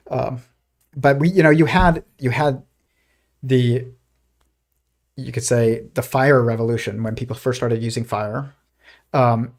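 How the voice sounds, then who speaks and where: A slightly mellow, medium-pitched male voice belongs to a live physics stream host. He rambles casually with lots of fillers and restarts, and any quotation comes out in a put-on posh, old-timey voice.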